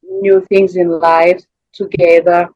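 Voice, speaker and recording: A Rwandan singer with a Rwandan accent answers interview questions slowly in a lowish voice with little pitch movement. She searches for words and repeats phrases conversationally, in lo-fi sound with no echo.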